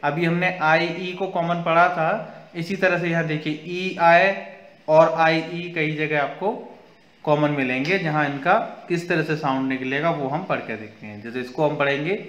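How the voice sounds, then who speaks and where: A man's voice: fairly high pitch, a bit bright, reverberant. A male English teacher giving a grammar lesson to young children, spelling words out letter by letter and switching between Hindi and English.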